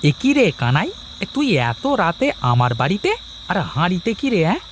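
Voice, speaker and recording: A man's voice: high voice, huge pitch swings, brisk, a little hiss or hum. A man doing a nosy, suspicious village pal. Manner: suspicious, teasing questions. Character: nosy village man, the schemer's card-playing friend. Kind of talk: cartoon voice acting.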